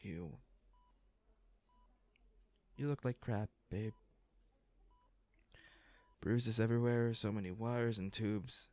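In an intimate audio roleplay, a man plays a hot-tempered but caring boyfriend, stressed at first and then remorseful and grieving, speaking naturalistically and with swearing. His dark, fairly low voice stays steady, slow and full of pauses, and the recording is dry.

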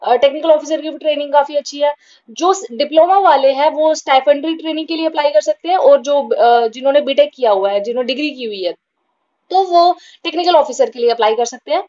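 A woman's voice: high voice, quick pace, warm tone, muffled recording. A woman hosting a job-update channel, giving an informal voice-over explainer with frequent fillers and repeated points.

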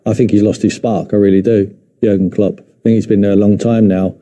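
A middle-aged man giving measured football punditry in a TV studio, hedging his opinions, on a lapel mic. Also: on the low side, little pitch movement, mellow.

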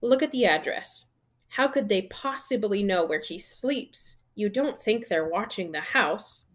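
A woman's voice: mid-range voice, animated, unhurried, fairly bright tone. A woman voicing a nervous middle-aged aunt in a storybook, with a quivering, fretful delivery. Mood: fearful, quivering.

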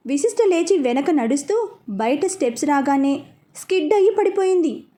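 A woman narrating a serial audio story in a lively, chatty way. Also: high-pitched, normal speed.

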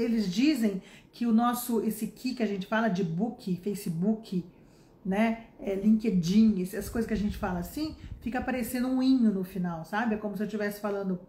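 Woman, fifties, Brazilian accent, English teacher, chatty, emphatic, echoey room. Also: a little high. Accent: Brazilian Portuguese. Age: 50s. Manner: chatty, frequent tag questions, emphatic. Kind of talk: casual spoken lesson.

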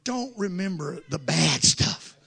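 High-voiced gravelly preacher man, impassioned. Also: expressive, slow. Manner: impassioned, building to shouts with repeated refrains. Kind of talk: revival sermon. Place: church service before a congregation.

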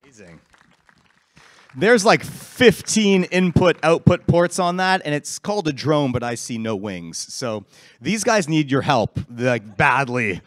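A man's voice: fairly high pitch, lively intonation, unhurried, no echo, clean studio sound. A man hosting an open-mic event in a large council chamber, upbeat and joking with the crowd, speaking into a handheld mic. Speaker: event host.

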